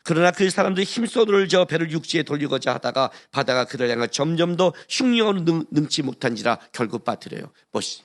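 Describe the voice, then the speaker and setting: A man preaching a sermon as pastor, swinging between hushed asides and loud emphatic exclamations and putting rhetorical questions to the congregation. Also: fairly high pitch, expressive, quick pace, few pauses. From Korea.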